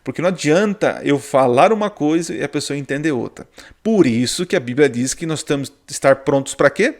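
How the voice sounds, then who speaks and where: A man's voice: on the high side, animated, a little fast. A married man with a Brazilian Portuguese accent teaching a casual online Bible study, often tagging his sentences with "né?" and "tá?". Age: adult, married. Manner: chatty, peppers speech with "né?" and "tá?". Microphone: sharing screen on a video call.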